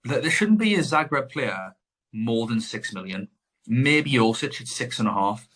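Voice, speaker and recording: A man's voice: mid-range voice, animated, normal speed, fairly bright tone. A man co-hosting a podcast, chatting casually and rambling as he corrects himself mid-sentence. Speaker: podcast co-host. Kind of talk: casual chat.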